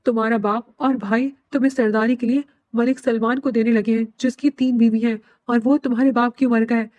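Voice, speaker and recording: A woman's voice: a little high, fairly even intonation, darkish tone, no room sound, muffled recording, natural voice. A woman voicing a middle-aged mother who urgently begs her daughter to flee. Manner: urgent, pleading.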